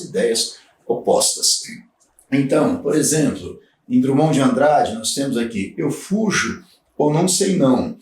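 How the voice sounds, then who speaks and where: Guy lecturing, slow and careful, lots of little pauses, roomy echo, mic a bit far off. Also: mid-range voice. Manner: slow, deliberate explaining with frequent "né" and pauses. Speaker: teacher. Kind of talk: recorded grammar lecture. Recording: echoey room, voice off-mic.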